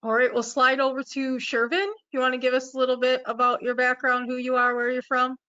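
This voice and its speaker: A woman in her thirties with a fairly high, bright voice moderates a panel, chatting loosely and casually. She comes through in dull lo-fi webinar audio. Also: completely flat delivery, brisk, clean tone. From United States. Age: 30s. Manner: friendly, loose, "kind of" phrasing.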